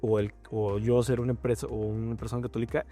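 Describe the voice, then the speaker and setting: A young man with a Mexican accent, a startup founder talking through a relaxed, reflective interview with many fillers. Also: mid-range voice, fast, faint music behind. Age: young adult. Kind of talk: casual interview conversation.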